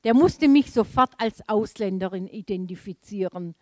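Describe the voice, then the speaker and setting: A woman from Germany giving a sermon, telling a personal story with laughing asides in a lively storytelling manner. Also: mid-range voice, normal speed, no echo. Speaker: preacher.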